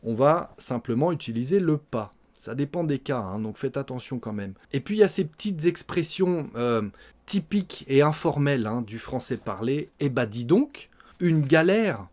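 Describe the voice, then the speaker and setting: A man past his twenties teaching spoken French, explaining carefully and repeating example phrases slowly, often adding "hein". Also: medium pitch, expressive, darkish tone. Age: older than twenties.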